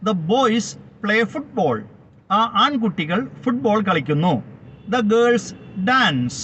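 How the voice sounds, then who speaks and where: Slow, high-pitched male teacher. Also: big pitch swings, a bit bright. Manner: slow, spells out words letter by letter. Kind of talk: explaining English grammar. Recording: dull lo-fi sound with faint background noise.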